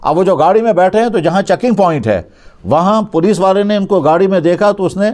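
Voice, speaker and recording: A man's voice: high voice, lively intonation, a little mellow. A man preaching a storytelling sermon, retelling a story and acting out its dialogue with conversational restarts.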